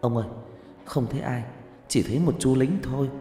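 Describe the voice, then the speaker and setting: A man's voice: medium pitch, a little fast, mellow, pitched above the performer's own voice, lightly acted. A man voicing a curious young boy who begs and wheedles. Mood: eager. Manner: eager, wheedling. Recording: echoey room with faint music.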